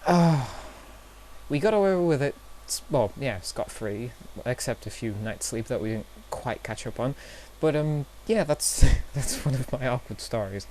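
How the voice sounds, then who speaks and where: A man's voice: mid-range voice, expressive, moderate pace, few pauses, a little mellow. A young man tells awkward stories to his camera in a chatty, self-deprecating way. He hedges with fillers and laughs at himself. A faint hiss sits under the recording. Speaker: vlogger. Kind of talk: casual storytelling vlog.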